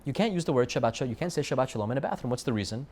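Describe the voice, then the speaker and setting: An American man teaching a Torah lesson in a sermon style, animated and full of rhetorical questions. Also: mid-range voice, rapid-fire. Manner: animated, rhetorical questions, sprinkles Hebrew and Yiddish terms.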